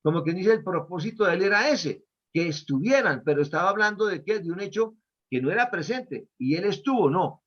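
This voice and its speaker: A man with a high voice teaches a Bible study as pastor, stopping often to ask his students questions about grammar. The recording sounds dull and lo-fi. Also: animated, a little fast, a bit bright. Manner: didactic, quizzes listeners on verb tenses.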